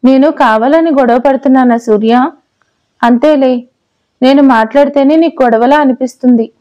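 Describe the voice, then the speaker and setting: A woman's voice: sits high, brisk, mellow, dull audio, close to an everyday voice. A woman voicing a playful, teasing young wife in an audio story. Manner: teasing, pouty. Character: playful pregnant young wife, mock-sulky.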